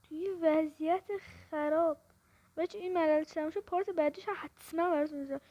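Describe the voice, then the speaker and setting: A woman's voice: very high-pitched, fairly even intonation, warm tone. A woman giving casual commentary on a horror game, jumpy and panicky, often repeating questions to herself. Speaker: gameplay video host. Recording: muffled lo-fi recording.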